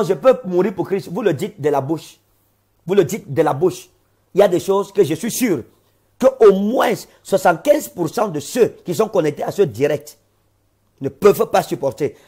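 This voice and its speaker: Solemn, husky-voiced preaching man. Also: high voice, darkish tone. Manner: slow, solemn preaching with repetitions. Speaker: pastor. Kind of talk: sermon testimony on a livestream.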